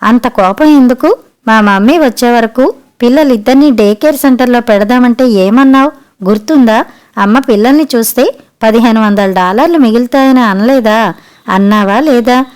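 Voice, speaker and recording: A woman reading the part of an irritated young mother who scolds her mother-in-law with sharp, reproachful questions in an audiobook story. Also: a little high, moderate pace, clear, resonant tone, lightly acted. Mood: scolding.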